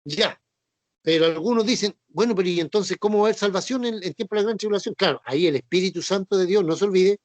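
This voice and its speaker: A man's voice: high-pitched, fast talker, a little mellow, dry recording. A man teaching a sermon on scripture, repeating points and checking understanding with frequent tag questions. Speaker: preacher.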